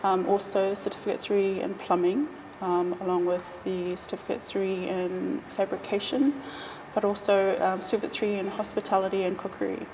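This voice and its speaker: A woman gives formal, halting interview answers as an operations manager. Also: medium pitch, flat delivery. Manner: formal, halting with frequent ums. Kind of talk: interview answers, partly prepared. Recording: noisy, reverberant hall with ambient sound.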